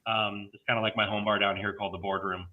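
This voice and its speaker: Quick-paced and fairly low, with a level tone, this male guest is a tiki designer chatting casually over video. He tells playful stories and laughs frequently, and the line sounds tinny, like a phone.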